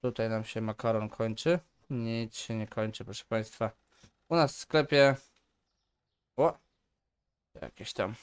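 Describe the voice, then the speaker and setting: Man, gaming commentary, mock-polite banter, unhurried, smooth clear voice. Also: medium pitch. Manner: playful shopkeeper banter, jokey and mock-polite. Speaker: gaming YouTuber. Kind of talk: casual let's play commentary.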